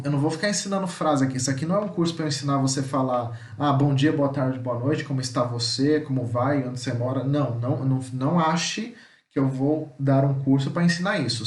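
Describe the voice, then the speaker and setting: A man's voice: medium pitch, far from the mic. Brazilian male teacher in an echoey room. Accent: Brazilian Portuguese. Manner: tags nearly every phrase with a checking "tá?"; chatty, corrective explaining. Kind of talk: online language lesson. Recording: roomy echo.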